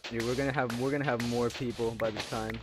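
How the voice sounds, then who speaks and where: A man's voice: medium pitch, fairly even intonation, fast. A man streaming a game, chatting casually and rambling with many restarts, a little out of breath. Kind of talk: casual game livestream chat. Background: music.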